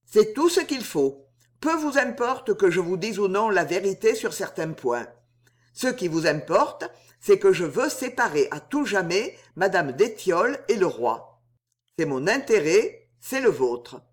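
A reader voicing a calm, authoritative older male stranger in a swashbuckling audiobook, speaking with measured command. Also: mid-range voice.

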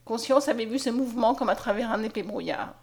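Expressive woman narrating a novel. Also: a little high, fast talker. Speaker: audiobook narrator.

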